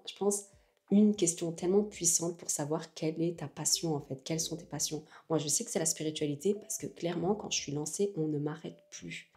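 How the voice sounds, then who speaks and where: A woman speaks straight to camera about self-development. Her tone is warm and mellow, earnest and coaching, and she drops in the odd English phrase. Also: deep voice. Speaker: spiritual self-development creator. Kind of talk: motivational talk to camera.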